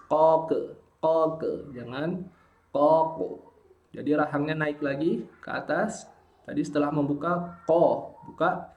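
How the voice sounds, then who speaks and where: A man's voice: a little high, gravelly, a little mellow. A man teaching Quran pronunciation, patiently modelling syllables again and again. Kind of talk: pronunciation lesson.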